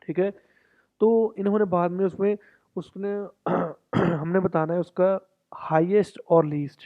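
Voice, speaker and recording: A man coaching students for an English test, explaining in a lesson and switching between Hindi and slow, deliberate English. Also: a little high, dry recording. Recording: tinny phone-like sound, dry.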